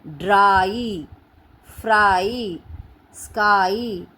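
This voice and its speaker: Very slow woman phonics teacher. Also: mid-range voice, pushed and bright, poor audio. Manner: slow, deliberate, spells words letter by letter. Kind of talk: classroom-style phonics lesson.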